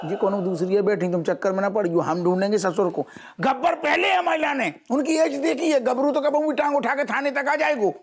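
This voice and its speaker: Bumbling constable. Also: male voice, extremely high pitch, a little fast. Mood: comic. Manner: rustic, cajoling, comic. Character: bumbling rustic police constable man. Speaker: police constable. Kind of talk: sitcom acting.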